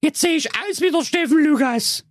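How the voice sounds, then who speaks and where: A man's voice: very high voice, normal speed, dry recording, studio quality, pitched above the performer's own voice. A man voicing a sassy young fairy-tale princess in a comic story, speaking in a cheeky, mocking way.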